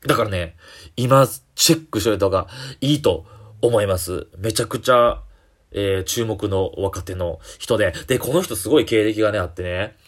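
A young man, hosting a casual solo talk show, animated and full of fillers. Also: fairly low pitch. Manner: animated, many fillers, jumps between quick and drawn-out phrasing. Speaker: comedian podcast host.

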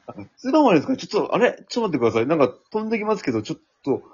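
A man's voice: sits high, very animated, very fast, a little mellow, slightly rough, highs cut off, heavily acted. A man playing a bewildered studio news anchor in a comedy skit, reacting as the straight man with short repeated interjections.

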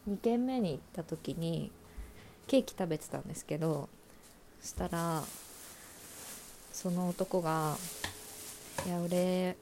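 A woman's voice: fairly low pitch, lively intonation, a little slow, long pauses, dark tone, a little hiss or hum. A woman hosting a casual solo talk show, frankly telling personal dating anecdotes with many fillers. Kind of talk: casual storytelling monologue.

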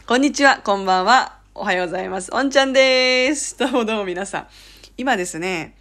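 A woman's voice: medium pitch, fast, a bit bright. A woman with a Korean accent hosting a casual solo talk show, laughing often and acting out quoted lines. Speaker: podcast host.

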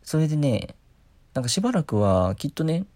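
A man's voice: a little high, very animated, normal speed, warm tone, dry recording. A young man hosting a podcast, chatting casually on his own in a rambling, playful way. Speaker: podcast host. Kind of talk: casual solo chat.

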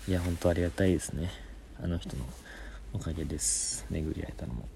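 Young guy chatting solo, low gravelly voice, drops to a whisper a lot, bit of faint hiss behind. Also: brisk, mellow. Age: young adult. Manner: rambling storytelling with many whispered asides. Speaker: podcast host. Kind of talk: casual solo talk.

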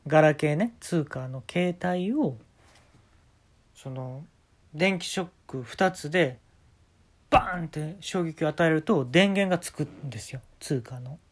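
A young man with a Kansai accent hosting a casual talk show, telling absurd stories deadpan with sudden leaps in pitch. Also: unhurried. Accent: Kansai Japanese. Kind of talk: casual storytelling monologue.

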